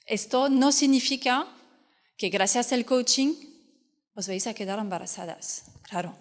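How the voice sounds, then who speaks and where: Giving an earnest conference talk in a hall at a fertility fair, a French fertility coach speaks Spanish as a non-native with a French accent. Her voice is fairly high and unhurried, and she explains things while often restarting. Hall reverb colors the recording.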